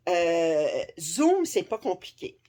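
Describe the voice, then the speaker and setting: A woman's voice: on the low side, very animated, slow, dark tone. A woman with a Québécois French accent, chatting casually to camera as a craft vlogger and checking in with "ok?" often. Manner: chatty, many fillers and "ok?" check-ins. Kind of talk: casual direct-to-camera chat. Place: her living room. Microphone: camera framing upper body.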